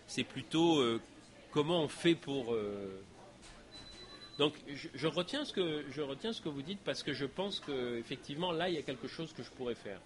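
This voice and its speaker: After giving a lecture in a hall, a native French-speaking guest speaker takes questions from the audience. He speaks at a normal speed in a slightly high, expressive voice, thinking out loud and frequently filling and restarting.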